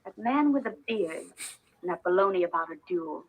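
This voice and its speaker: A woman's voice: fairly low pitch, animated, moderate pace, husky, narrow, tinny audio. An actress playing a proper young woman in a 1950s film, prim and questioning. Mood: indignant.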